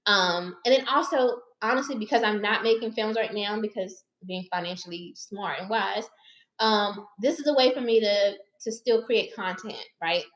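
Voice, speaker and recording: Woman in her 30s just chatting to the camera, calls everyone y'all, mid-pitched voice, kinda echoey room. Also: moderate pace. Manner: chatty, direct, addresses viewers as y'all and baby. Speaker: personal finance YouTuber and licensed therapist. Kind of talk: casual chat to camera. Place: her living room or car. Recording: roomy echo.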